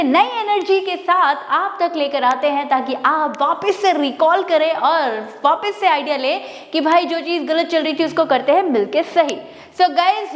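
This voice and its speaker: A woman teaching English pronunciation in a mix of Hindi and English, with an Indian accent, energetic and slowing down to drill each word. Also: very high-pitched. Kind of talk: Hinglish teaching to camera. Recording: echoey room with long reverb.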